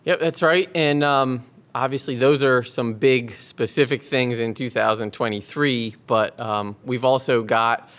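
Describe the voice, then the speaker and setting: A man co-hosting a local business podcast, introducing the guest with frequent ums and quick agreement. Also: mid-range voice, steady tone, fairly bright tone. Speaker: podcast co-host.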